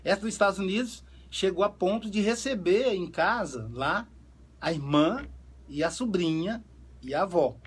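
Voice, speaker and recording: A man, a psychoanalyst talking through family cases in a lively conversational way and acting out the quoted dialogue. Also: high voice, moderate pace, breathy edge. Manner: animated storyteller, acts out quoted dialogue. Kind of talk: conversational talk on family relationships.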